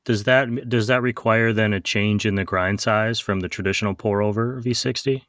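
Podcast host, male, low voice, relaxed and joking, dry close mic. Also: normal speed, no echo. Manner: relaxed, joking, frequent "uh" fillers. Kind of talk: casual podcast chat.

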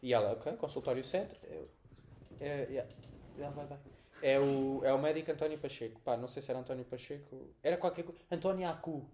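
A young man with a European Portuguese accent, telling a story in a casual podcast chat, animated, swearing often and acting out the scenes. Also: medium pitch, brisk, a little hiss or hum. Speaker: podcast co-host.

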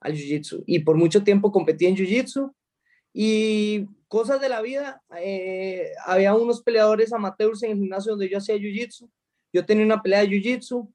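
A man from Costa Rica, a mixed martial arts fighter in his thirties, answering interview questions haltingly with many restarts. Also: high-pitched, darkish tone. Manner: hesitant, many restarts and fillers.

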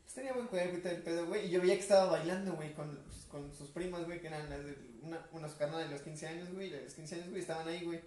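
A man with a Mexican accent telling a long story in a casual chat, filling every pause with "güey". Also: a little high, fairly even intonation, darkish tone, distant mic. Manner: slangy, says "güey" constantly. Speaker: podcast guest or co-host. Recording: roomy, off-mic, faint noise.

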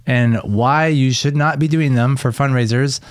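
A man's voice: mid-range voice, normal speed, smooth, no room sound. A man hosting a podcast in casual chat, playful and joking, recorded close and dry. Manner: playful, mock auctioneer patter. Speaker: podcast host.

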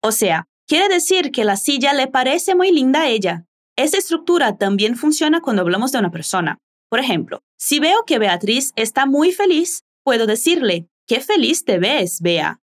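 A woman hosts a language lesson and drills phrases for listeners to repeat. She models each phrase slowly and carefully. Her voice is high, and her intonation is lively and animated. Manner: slow, careful modeling of pronunciation. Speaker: language teacher and host.

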